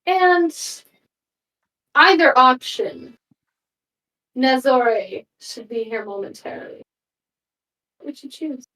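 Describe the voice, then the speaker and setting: A woman voicing a stern, usurping male cat-folk king who talks in a slow, cold, measured way in a tabletop game. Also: sits high, lively intonation, bright, forceful tone, distant mic, heavily acted, rough recording. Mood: menacing.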